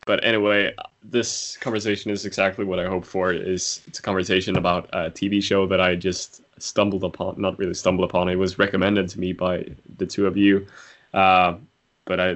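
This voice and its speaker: A man's voice: low-pitched, little pitch movement, brisk, a bit bright. A man hosting a podcast, easygoing and a little hesitant, with many fillers and restarts. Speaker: podcast host. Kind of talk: casual chat.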